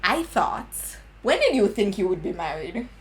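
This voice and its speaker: A woman's voice: medium pitch, big pitch swings, moderate pace, a crowd in the background, rough recording. Jamaican woman in her twenties chatting. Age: 20s. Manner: earnest, laughing, slips into patois. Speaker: beauty vlogger. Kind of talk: casual chat.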